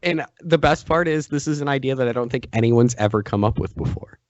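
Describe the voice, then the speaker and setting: A man's voice: mid-range voice, brisk, dry recording, highs cut off. Rambling jokey podcast co-host, a man. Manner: rambling, jokey, restarts often. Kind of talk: casual comedic chat. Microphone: new microphone.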